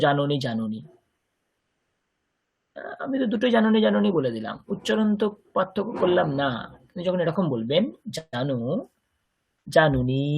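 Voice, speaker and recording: A man's voice: high-pitched, creaky, slightly rough. A man with a Bengali accent teaching a Sanskrit grammar lesson, patiently explaining and repeating words for his students. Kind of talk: online language lesson.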